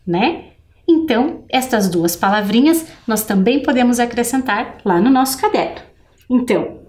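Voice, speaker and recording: A woman teacher with a Brazilian Portuguese accent giving a patient televised literacy lesson, spelling out syllables slowly. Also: fairly high pitch, a little mellow. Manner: slow, patient, enunciating syllables.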